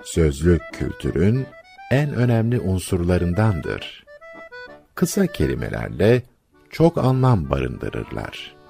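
Deep gravelly male storyteller. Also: wildly swooping pitch, mellow, soft background music. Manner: measured, didactic storyteller. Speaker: radio program narrator. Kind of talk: scripted storytelling narration.

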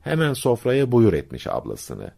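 A man narrating folk sayings and their stories for radio listeners, in a measured, didactic storytelling manner. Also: medium pitch, huge pitch swings, gravelly, mellow.

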